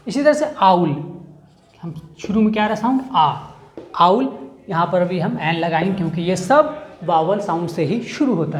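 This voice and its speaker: A woman teaching a grammar lesson. She works through each example step by step, putting questions to her listeners and answering them herself. Her voice sits at a middle pitch and carries the echo of a roomy space. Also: a little mellow. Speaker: English teacher. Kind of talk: classroom-style grammar lesson.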